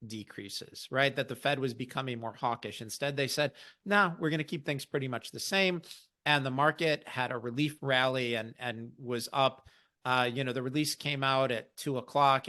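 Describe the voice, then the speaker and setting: Bright-voiced man explaining markets wryly. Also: medium pitch. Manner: explanatory, wry, lively asides. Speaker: investing podcast host. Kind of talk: conversational market commentary.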